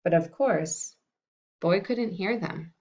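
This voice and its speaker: A woman teacher talking to fifth graders and reading a picture book aloud in a friendly, unhurried way. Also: mid-range voice, darkish tone. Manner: friendly and unhurried, with some fillers. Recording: dull lo-fi recording.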